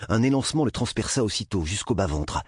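Husky, expressive male audiobook narrator. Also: on the low side, fast talker, no room sound, clean studio sound. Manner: expressive, dramatic reading. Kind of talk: scripted narration.

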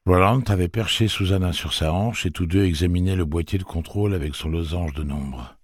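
A man narrating an audiobook in a low, measured, dramatic reading on a close studio mic. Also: no echo. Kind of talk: scripted narration.

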